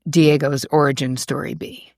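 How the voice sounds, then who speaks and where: This is a woman hosting an interview show, and she talks in an effusive, gushing way with plenty of fillers. Her voice sits low for a woman. The sound is close and dry. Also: moderate pace, vocal fry, no room sound. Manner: gushing, animated, with laughs and fillers. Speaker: podcast host.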